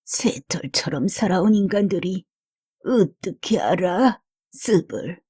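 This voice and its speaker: A woman's voice: lowish voice, lively intonation, takes it slowly, warm tone, breathy edge, no room sound, clean studio sound, exaggerated voice. A woman narrator voicing a weary, foul-mouthed old granny who grumbles and scolds in rustic speech in an audiobook drama. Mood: weary muttering.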